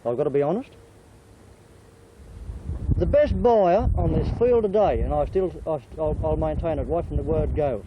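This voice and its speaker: An older man talks with a broad Australian accent, blunt and emphatic, in casual slangy chat. His voice sits a little high, and the recording is dull and lo-fi with some noise behind it. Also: moderate pace, long pauses. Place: casual group recording on amateur camera. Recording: dull lo-fi sound with light noise.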